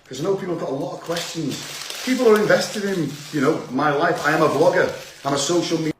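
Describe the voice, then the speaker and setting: Brief: male vlogger, mid-pitched, self-important ramble, roomy echo. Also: fast, a little hiss or hum. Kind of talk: eating vlog talk to camera.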